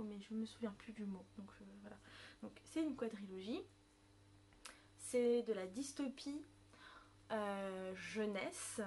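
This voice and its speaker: A woman's voice: mid-range voice, a little mellow, slight background noise. A woman, presenting a book review on her vlog in a chatty way, with many fillers and self-corrections. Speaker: book vlogger.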